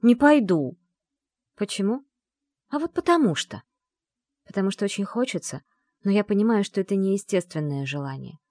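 A woman reading an audiobook, voicing a stubborn, sharp-tongued young woman who snaps back with defiant retorts. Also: mid-range voice, big pitch swings, fairly quick, pauses often, no room sound, studio quality, pitched above the performer's own voice, natural voice.

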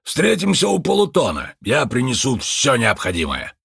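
A man voicing an excitable, eccentric male mystic in an audiobook, with a high, theatrical, husky voice. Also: moderate pace, no room sound, clean studio sound, full character voice. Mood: grandiose. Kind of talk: audiobook character voice.

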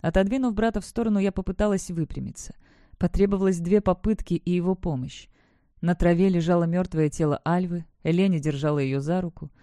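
An audiobook reader giving dramatic, expressive first-person narration of a fantasy novel. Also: mid-range voice, fairly quick, no echo, studio quality.

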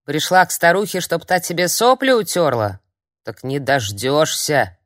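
A woman reading an audiobook, voicing a cantankerous, half-blind old hag who scolds and jeers in a high, strained voice. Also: very animated, no echo, clean studio sound. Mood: scolding. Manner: shrill, scolding, drawn-out jeers.

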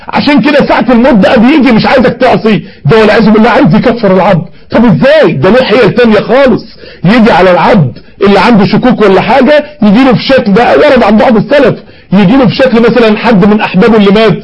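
A man's voice: sits high, slightly rough. Egyptian male preacher, urgent and emotional sermon, racing delivery, muffled lo-fi sound. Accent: Egyptian Arabic.

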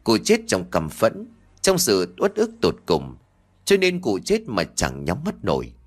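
A man narrating a Vietnamese-style village horror story in a slow, grave, dramatic manner. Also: fairly low pitch, wildly swooping pitch.

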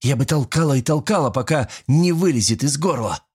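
A man's voice: mid-range voice, animated, a little fast, darkish tone, breathy edge, voice pushed up. A man reading an audiobook, voicing a scheming, vengeful young woman in a girlish, venomous voice.

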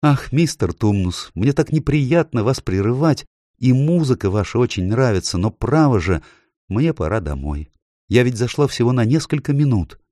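A man's voice: medium pitch, big pitch swings, normal speed, dark tone, no echo, clean studio sound, voice pushed up, lightly acted. A man voicing a kind, anxious young girl in a storybook reading, pleading and asking urgent questions. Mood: polite.

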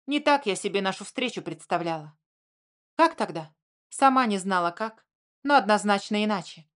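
A woman reading a novel aloud in first-person narration, in an even storytelling manner. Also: medium pitch. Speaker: audiobook narrator.

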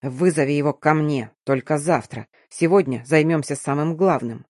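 A brooding, powerful man growls short, clipped orders in a low, dry voice, as a woman narrator puts him on. He sounds menacing and controlled, each word pressed down and deliberate. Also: a little mellow, dry recording.

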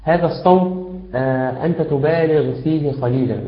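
A man teaching Quran recitation, giving patient, encouraging corrections full of drawn-out hesitations. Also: a little high, a little hiss or hum. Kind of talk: instructional feedback on recitation. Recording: roomy, dull lo-fi sound.

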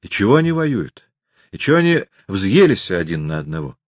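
A man's voice: low voice, sing-song, normal speed, dry recording. A stubborn old peasant widow, nosy and scolding, with a folksy way of talking, played by a man narrating a novel. Her voice rises and falls a lot. It sits close and dry on the mic.

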